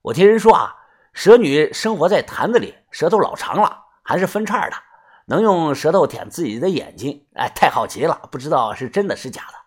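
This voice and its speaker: Nosy gossipy tourist bloke, read by a male narrator, husky, chatty. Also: a little high, sing-song, brisk. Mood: curious. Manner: gossipy, curious.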